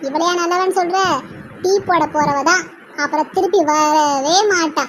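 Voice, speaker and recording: A woman voicing a loud, touchy old woman friend who shouts indignantly, with a Tirunelveli Tamil accent. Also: extremely high pitch, steady tone, normal speed, a little hiss or hum. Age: older.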